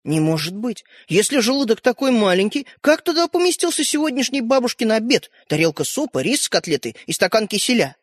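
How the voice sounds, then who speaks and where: An earnest, eager young boy, insisting in a bright lively voice, as a woman reading a storybook does him. The recording is dry and close. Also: a little high, brisk, hardly any pauses, dry recording, pitched above the performer's own voice.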